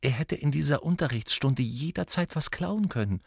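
A man reading an audiobook aloud, telling the story expressively. His pitch moves freely from line to line. The recording is close and dry. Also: animated, moderate pace, vocal fry, no echo. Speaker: audiobook narrator. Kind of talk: scripted narration.

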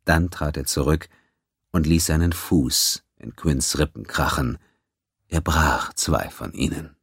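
A man narrating a science-fiction audiobook in a steady, even storytelling manner. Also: extremely low pitch, takes it slowly, breathy edge, no echo, studio quality.

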